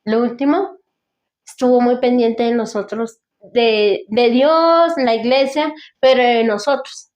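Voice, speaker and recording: A woman giving an earnest, devout personal testimony as an interview guest, talking in halting restarts. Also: fairly high pitch, darkish tone.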